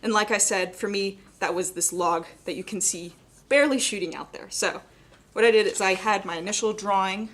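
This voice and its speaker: A woman's voice: medium pitch, a bit bright. A young adult woman with a slightly cracking voice, teaching a live painting demonstration in a casual, chatty way. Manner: casual, chatty explaining with many "like" and "kind of". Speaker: painting instructor.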